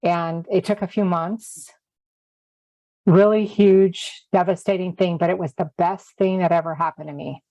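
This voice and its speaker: A woman's voice: lowish voice, steady tone, a little slow, dark tone. A woman leading a group coaching call and encouraging the others in an earnest way. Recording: dry, dull lo-fi audio.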